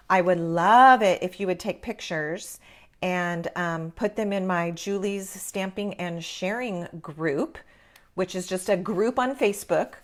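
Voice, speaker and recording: A woman hosting a live craft tutorial, talking informally and encouragingly as she explains each step. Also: medium pitch. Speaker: craft class host.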